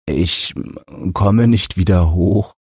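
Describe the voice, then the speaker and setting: A man playing a gentle, helpless father. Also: low voice, slow, slightly rough, no room sound, studio quality, pitched above the performer's own voice, heavily acted. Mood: soothing. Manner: soothing, apologetic.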